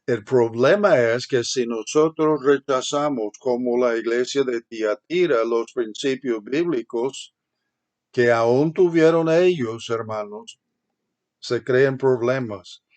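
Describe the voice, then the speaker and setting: A man's voice: medium pitch, slow, darkish tone. A man teaching a seminary Bible lesson, earnest and hesitant, with many filler sounds and restarts as he addresses his listeners as brethren.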